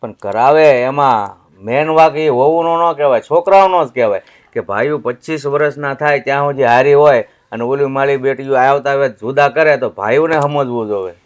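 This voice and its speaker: A man's voice: mid-range voice, moderate pace. A man arguing his point in a casual discussion about family quarrels. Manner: argumentative, explaining.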